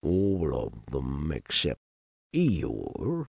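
A man voicing a gloomy, sarcastic old male donkey in a storybook reading, with a low, slow, mournful drawl. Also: huge pitch swings, gravelly, darkish tone, breathy edge, no echo, clean studio sound, full character voice.

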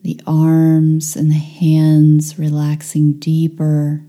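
A woman leads a meditation with a deeply soft, dark, relaxed voice, speaking extremely slowly and leaving long pauses between short instructions. Her delivery is calm and soothing, and her pitch barely moves.

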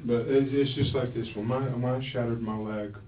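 A man rambling with halting restarts in a police interrogation. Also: medium pitch, fairly even intonation, noisy background. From Florida. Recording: echoey, distant, phone-like interrogation room audio.

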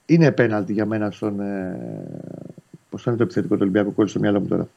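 Male guest caller, steady reasoning, slightly muffled lo-fi audio. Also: fairly low pitch, creaky. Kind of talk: football analysis on a call.

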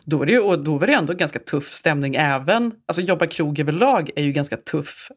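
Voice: medium pitch, animated. A young adult podcast co-host in casual chat, enthusiastically recommending things.

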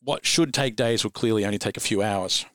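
A man narrating as dungeon master, relaxed and rambling, often chuckling. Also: fairly low pitch, fairly quick, no room sound. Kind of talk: narrating a tabletop game.

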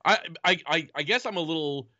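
A man's voice: fairly high pitch, fairly quick, sharp tone, dry recording. A man co-hosting a podcast, joking around in casual chat with frequent stammering restarts. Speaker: podcast co-host and analyst. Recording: dull lo-fi remote line.

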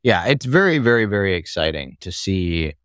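A man's voice: deep voice, sing-song, moderate pace, a bit bright, clear, resonant tone, no echo, studio quality. A man with an American accent talking casually as a podcast guest, rambling with lots of fillers and restarts. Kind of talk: casual conversation.

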